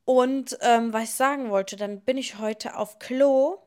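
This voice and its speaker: A woman's voice: fairly high pitch, measured pace, darkish tone, clean tone. A young woman co-hosting a casual podcast with her mother, telling stories in a chatty way and laughing often. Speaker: podcast co-host, daughter. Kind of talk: casual chat.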